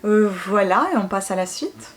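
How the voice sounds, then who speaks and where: Showing her book collection to viewers at home, a young Ukrainian woman, a native Russian speaker from the former USSR who runs a book vlog, talks to the audience directly in a chatty, enthusiastic way. She speaks at normal speed with a medium pitch and lively intonation.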